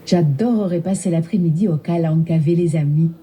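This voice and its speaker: A woman's voice: sits low, a little fast, dark tone, breathy edge. A synthetic woman's voice playing a chirpy female voice assistant with a put-on Southern French accent and playful regional slang. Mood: cheerful.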